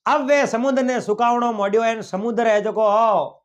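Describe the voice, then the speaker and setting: A man with a Marwari accent telling an animated folk tale, lifting his voice for the characters. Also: extremely high pitch, normal speed, muffled recording. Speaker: folk storyteller. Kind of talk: oral folk tale narration.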